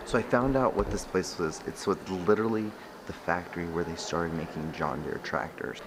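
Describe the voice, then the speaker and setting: A young man vlogging quietly to a handheld camera inside a large museum hall, half-whispering with wry remarks. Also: sits low, moderate pace, noisy background. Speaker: travel vlogger. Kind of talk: hushed vlog narration in a museum. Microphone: handheld camera at arm's length.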